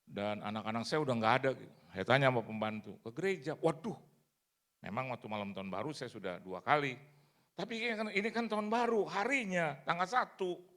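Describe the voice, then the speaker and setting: A man in his fifties preaching a sermon in lively storytelling style at a church service. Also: fairly low pitch. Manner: lively storytelling, acts out other people's voices.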